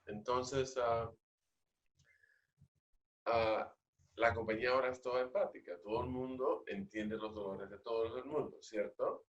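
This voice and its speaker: Man, trainer, coaching, slow, roomy, dull sound. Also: mid-range voice, steady tone. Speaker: agile trainer. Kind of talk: interactive training session.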